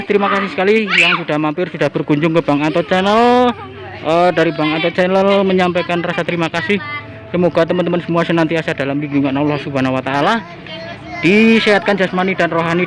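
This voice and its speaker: A man's voice: fairly high pitch, rough recording. A man giving a folksy, repetitive on-location report to his viewers, recorded outdoors in a village neighborhood. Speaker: vlogger reporting on site.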